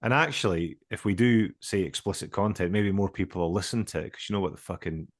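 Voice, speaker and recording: A man's voice: low voice, fast talker. A man co-hosting a podcast in casual banter, blunt, joking and swearing freely. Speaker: podcast co-host.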